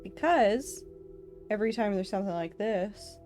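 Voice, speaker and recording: A woman's voice: mid-range voice, expressive, normal speed, a little mellow, faint music behind. A woman streaming a video game, chatting casually and reacting aloud to what she sees. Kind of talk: casual gameplay commentary.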